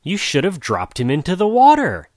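A man voicing a gracious mother jaguar who dotes on her son and repeats herself in a high, lilting tone. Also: wildly swooping pitch, moderate pace, darkish tone, no echo, studio quality, heavily acted. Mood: doting. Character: grand old female jaguar mother, gracious.

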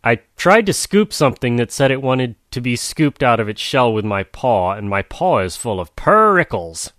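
A man's voice: medium pitch, big pitch swings, normal speed, fairly bright tone, dry recording, studio quality. A man doing a peevish, muddled young jaguar. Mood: flustered. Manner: complaining, flustered.

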